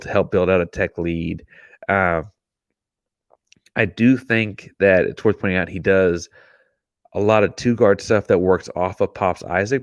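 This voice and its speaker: A man's voice: low voice, no echo. A man hosting a solo sports podcast, breaking down matchups and thinking aloud with frequent ums and uhs. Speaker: podcast host.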